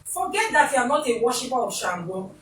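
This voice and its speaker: A woman's voice: a little high, very animated, quick pace, fairly bright tone, reverberant, far from the mic, a little hiss or hum, rough recording. A Nigerian woman hosting a talk show in a casual, opinionated way, slipping into Pidgin turns of phrase. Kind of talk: casual studio interview.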